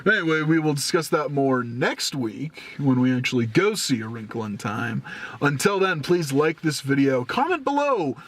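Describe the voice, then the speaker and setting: A young man co-hosting a casual movie review chat, animated and jokey, often cutting in. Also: mid-range voice, normal speed.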